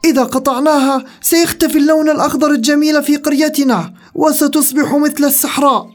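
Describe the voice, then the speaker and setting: A woman's voice: sits high, fairly even intonation, fast talker, faint music behind, pitched above the performer's own voice, lightly acted. A woman voicing an angry young girl in a storybook, indignant.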